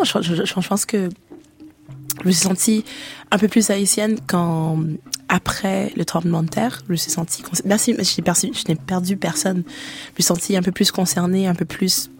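A woman's voice: on the low side, darkish tone. A woman from Canada, a musician guest on a radio interview, talking with frequent restarts and fillers. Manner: hesitant, many restarts and fillers.

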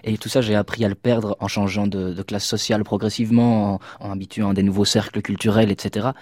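A man from Liège speaks as a guest on a radio show, rattling along at high speed. His voice sits fairly low, and he often restarts his sentences in his eagerness. The sound is close and dry, with no room around it. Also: level tone, darkish tone, dry recording. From Belgium, Liège. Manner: rapid, impassioned, with quick restarts. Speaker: theatre actor, guest. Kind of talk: radio interview talk.

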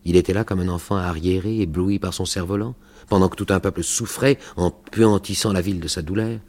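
A man reading a novel aloud for radio in a measured, grave way. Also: low-pitched, fairly even intonation, darkish tone. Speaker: reader.

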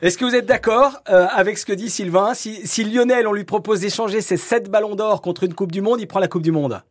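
High-voiced radio host, hesitant. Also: male voice, brisk. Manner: hesitant, many fillers, teasing. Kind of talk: casual radio sports chat.

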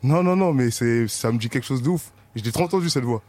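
Excitable slangy young man, lively pitch. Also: fast. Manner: excitable, heavy youth slang, insistent repeats. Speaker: co-host. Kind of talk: casual radio chat.

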